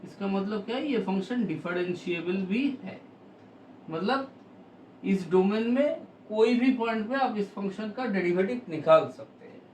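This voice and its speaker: A man teaching a math lesson, explaining slowly and step by step with frequent pauses. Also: high voice, expressive, reverberant, recorded from a distance, a little hiss or hum, rough recording.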